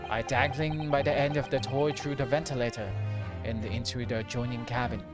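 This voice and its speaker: A man streaming a mystery game, reading the detective's lines in a measured, formal way and chatting in between. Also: mid-range voice, steady tone. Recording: clear game music behind the voice.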